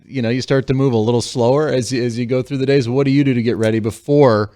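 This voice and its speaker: A man in his forties hosting a golf podcast. He talks in a friendly, chatty way between segments, with an ordinary mid-pitched voice. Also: steady tone, quick pace, mellow. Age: 40s. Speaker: podcast host. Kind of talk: casual show hosting.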